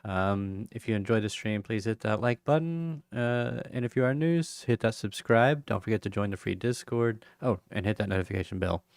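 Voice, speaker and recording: Winding down his crypto livestream, a tired man rambles through a casual sign-off, halting often and filling gaps with ums. His fairly low, gravelly voice is going a little hoarse, and he yawns as he talks, yet he stays expressive. The recording is dry and close, with no room sound.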